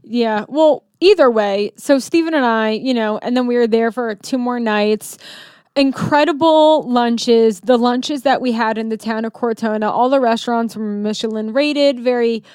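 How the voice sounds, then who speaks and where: A woman's voice: fairly high pitch, moderate pace, a little mellow, clean tone, no room sound, studio quality. A young adult woman hosting a podcast, telling stories in casual chat and imitating the people she describes. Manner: chatty storyteller, mimics people she describes. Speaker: podcast host.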